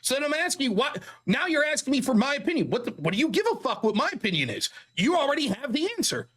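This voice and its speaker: Very high-pitched man, combative talk show host. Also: big pitch swings, quick pace, fairly bright tone, slightly rough. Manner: combative, sarcastic, repetitive badgering, sweary. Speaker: host of a live call-in show. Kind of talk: unscripted combative debate.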